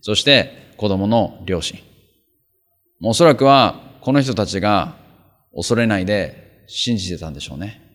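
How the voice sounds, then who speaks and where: A pastor reading scripture aloud and then explaining it in a relaxed, conversational sermon. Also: male voice, fairly low pitch, measured pace. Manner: conversational, explains with casual asides and fillers. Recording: long hall reverb.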